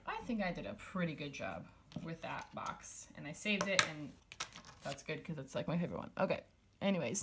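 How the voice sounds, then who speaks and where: Chatty young woman, slightly low voice. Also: slight background noise. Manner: chatty and rambling, many likes and ums, thinking aloud. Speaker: planner vlogger. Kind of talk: casual talk while decorating a planner.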